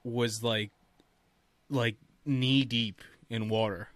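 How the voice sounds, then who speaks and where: A man chatting casually on a podcast call, telling an animated story and laughing as he talks. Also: mid-range voice, slow, no room sound. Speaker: podcast co-host. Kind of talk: casual chat.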